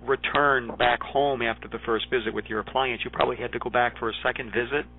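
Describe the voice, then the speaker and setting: A man's voice: medium pitch, fairly even intonation, fast. A man conducting a conversational interview over the phone. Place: phone call. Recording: narrow phone line with clear hum.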